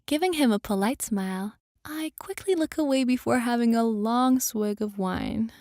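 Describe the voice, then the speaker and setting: A woman's voice: a little high, lively intonation, moderate pace, darkish tone, dry recording, clean studio sound. A woman reading a scripted first-person story as its narrator.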